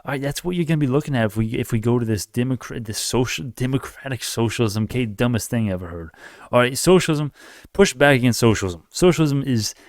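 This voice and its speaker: A man's voice: mid-range voice, dry recording, clean studio sound. A man in his late teens rambling through an opinionated political rant, often restarting and correcting himself. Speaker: YouTube commentator. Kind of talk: casual political rant to camera.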